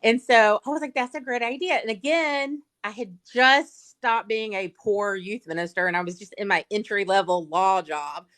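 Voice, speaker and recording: A woman's voice: mid-range voice, normal speed, hardly any pauses, fairly bright tone. A woman with a Southern US accent, telling a chatty story as a guest on a livestream. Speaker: paralegal and sweepstakes guest. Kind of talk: casual storytelling chat. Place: livestream video call.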